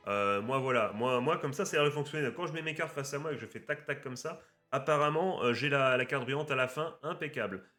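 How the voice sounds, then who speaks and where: Excitable, foul-mouthed young-sounding man. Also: mid-range voice, fast, few pauses. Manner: excitable, swears often, chatty with viewers. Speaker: card-opening YouTuber. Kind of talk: casual unboxing commentary. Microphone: webcam setup at a desk.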